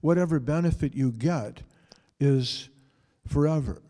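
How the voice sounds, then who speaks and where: An older man giving a calm spiritual lecture in short phrases, pausing for an interpreter. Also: on the high side. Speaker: visiting lecturer. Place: festival lecture hall. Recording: long hall reverb.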